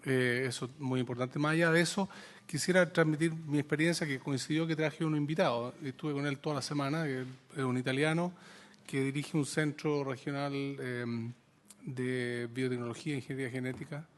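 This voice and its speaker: A man's voice: medium pitch, fairly even intonation, normal speed. Hesitant man speaking in committee. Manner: hesitant, repeats words while searching. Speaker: scientist at a committee session. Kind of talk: committee discussion.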